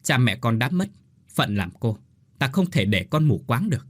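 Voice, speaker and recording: Male narrator as a contemptuous elderly aunt, stern and husky. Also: mid-range voice, big pitch swings, moderate pace, no echo. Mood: sober.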